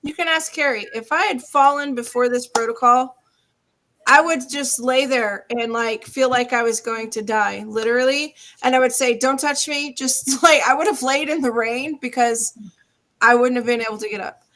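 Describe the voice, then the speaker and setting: A woman hosting a casual group call, telling a story in an animated, chatty way with quick asides. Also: fairly high pitch. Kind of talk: casual chat.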